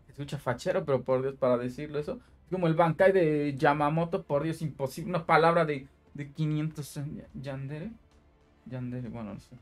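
A woman reacting to a manga chapter, excitable and quick to laugh or exclaim, often searching for words. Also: mid-range voice. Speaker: manga reaction channel host. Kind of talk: casual manga reaction, reading dialogue aloud.

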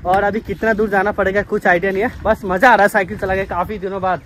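A man's voice: high-pitched, little pitch movement, quick pace, noisy background. A young man vlogging outdoors by a river, chatty and playful, laughing often, recorded on a phone held at arm's length. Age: young adult. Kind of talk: casual outdoor vlog chat. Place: outdoors by a river and on a village road. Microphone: phone camera at arm's length.

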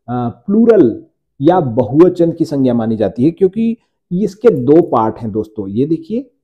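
A man teaching English grammar to his viewers, slowing down to repeat each example sentence. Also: mid-range voice, dark tone. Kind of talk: Hindi-language grammar lesson.

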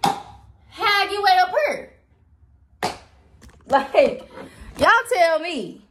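A woman's voice: very high voice, expressive, extremely slow. A woman in her thirties chatting to viewers while she cleans a small carpeted bedroom, filmed on a phone camera set down nearby. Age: 30s. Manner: chatty, exclaiming, talks to viewers as y'all. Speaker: cleaning vlogger. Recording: echoey bare room with background noise.

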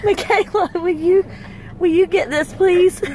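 A woman's voice: very high voice, steady tone, a little slow, a little mellow. A middle-aged woman chatting casually as a mother, coaxing and giving instructions with some amusement. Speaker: mother looking after her son. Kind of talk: casual chat. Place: inside a car. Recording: clear car and road noise.

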